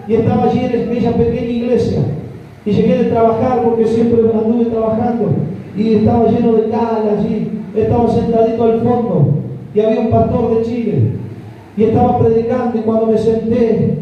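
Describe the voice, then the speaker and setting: Fervent high-voiced Argentine preacher, echoey hall. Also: male voice, flat delivery, normal speed, a little hiss or hum. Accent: Argentine Spanish. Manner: fervent, repetitive address to the congregation. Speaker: pastor. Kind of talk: sermon. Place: church hall. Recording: echoey hall from far off, dull.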